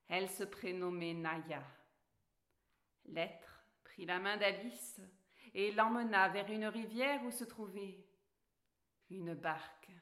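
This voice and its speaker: A woman narrating a fairy tale aloud, taking her time over every phrase. Her voice is bright and clear, and the pace is unhurried and careful. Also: medium pitch. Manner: slow, careful read-aloud delivery. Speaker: storyteller.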